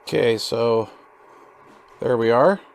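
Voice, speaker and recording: A man with a mid-range, animated voice who takes his time hosts a hands-on DIY radio build video. He chats casually in a rambling, folksy way full of informal slang, like a relaxed tutorial.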